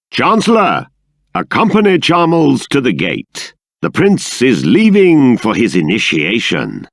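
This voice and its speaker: An actor playing a stately, stern middle-aged king and exasperated father in a fantasy video game, speaking in a formal, deliberate, emphatic manner. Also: medium pitch, vocal fry, a bit bright, dry recording, studio quality, full character voice. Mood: urging, authoritative. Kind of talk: theatrical fantasy game voice acting.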